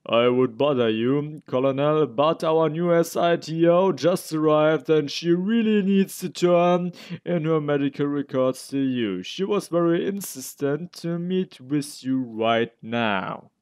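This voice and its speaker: Man doing blunt sarcastic officer, protective, slightly high voice, slow, dry sound. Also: darkish tone, clear, resonant tone, dry recording, lightly acted. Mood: urging. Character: protective blunt male officer, young adult.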